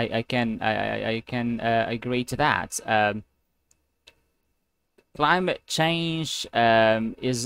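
A man tutoring English one-on-one over a video call, talking slowly and patiently with many fillers. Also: mid-range voice, gravelly, a bit bright, clean tone, no echo. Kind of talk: one-on-one class conversation. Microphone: computer mic on a video call.

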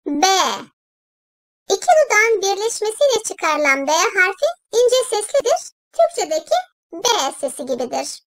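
Super high-pitched patient teacher voice for little kids, slow and bouncy, dry close mic. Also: very animated, a bit bright, no echo. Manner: patient, explains each letter step by step; addresses listeners as friends. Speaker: Quran letters teacher. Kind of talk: slow children's lesson narration.

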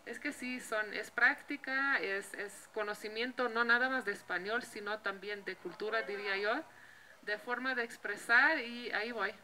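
Bright-voiced Slovenian woman chatting. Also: fairly high pitch, normal speed, a little hiss or hum, poor audio. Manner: chatty, lots of fillers. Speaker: vlogger. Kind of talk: casual chat to camera.

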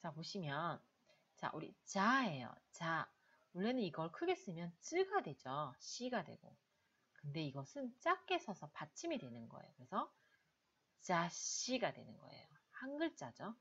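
Slow, husky woman teaching pronunciation. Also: lowish voice, big pitch swings, fairly bright tone. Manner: patient, drills each syllable with repeats. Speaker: Japanese language teacher. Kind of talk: slow, repetitive pronunciation drill. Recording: dull, lo-fi audio.

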